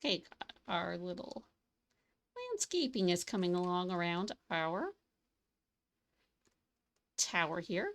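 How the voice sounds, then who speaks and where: A woman narrates her building session in a loose, chatty way, thinking aloud and poking fun at herself. Her voice has a gravelly fry and a slight hoarseness from losing it. A faint hiss sits under the desk mic. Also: lowish voice, animated, slow, long pauses. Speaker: streamer. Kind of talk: casual gaming livestream commentary.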